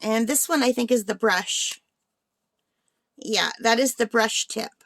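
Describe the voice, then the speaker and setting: Slightly sick and with a voice wearing thin, this craft vlogger unboxes items while casually thinking aloud. Her voice is on the high side, fairly bright and creaky, and she speaks a little slowly.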